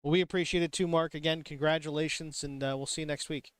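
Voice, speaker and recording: A man calling a sim truck race as booth commentator, energetic and excitable in his play-by-play. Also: fairly high pitch, fast talker, clean tone, dry recording. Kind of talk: sim racing broadcast commentary.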